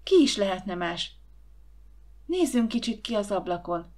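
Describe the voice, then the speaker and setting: Woman doing a sensible teenage girl, storybook, hushed, matter-of-fact. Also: mid-range voice, animated, lightly acted.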